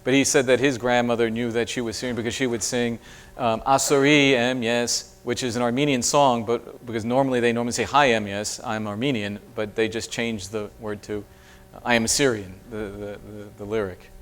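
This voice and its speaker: A man's voice: medium pitch, fairly even intonation, normal speed, a little hiss or hum. A man giving a university lecture and answering audience questions, speaking thoughtfully with many fillers and restarts. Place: lecture hall.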